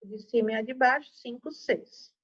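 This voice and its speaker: A woman's voice: fairly high pitch, moderate pace, muffled recording. A woman teacher with a Brazilian Portuguese accent giving a patient, step-by-step math lesson to children, checking in after each point.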